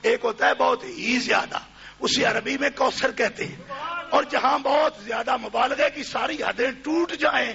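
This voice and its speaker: A man preaching a fiery religious sermon, shouting and now and then chanting verses in a sung tone. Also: very high voice, gravelly. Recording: dull lo-fi recording with crowd.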